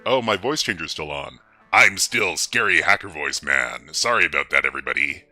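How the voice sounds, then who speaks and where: A mock-menacing hacker character with a deep, morphed voice, as a streamer puts him on through a voice changer. The filtered sound is harsh and sharply bright, and the talk stays playful and teasing. Faint music runs underneath. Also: male voice, animated, normal speed, exaggerated voice. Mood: casual. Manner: playful, jokey taunting. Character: mock-menacing male "scary hacker" persona. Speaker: livestreamer. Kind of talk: livestream hacking commentary.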